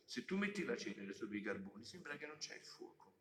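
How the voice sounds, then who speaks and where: A man, a friar preaching a homily, who swings between loud exhortation and hushed explanation and puts questions straight to the congregation. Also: mid-range voice, very animated, fast. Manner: addresses the congregation directly with questions. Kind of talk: sermon. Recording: echoey church with long reverb.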